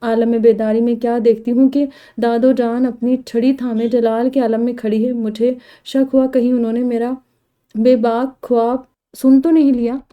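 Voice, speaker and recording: A woman narrating a comedy novel aloud in the first person, with lively storytelling. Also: fairly high pitch, moderate pace, highs cut off. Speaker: novel reader.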